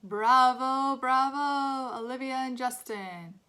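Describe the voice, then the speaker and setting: A woman's voice: on the high side, big pitch swings, normal speed, pushed and bright, voice pushed up. A woman doing a beaming, hearty drama teacher.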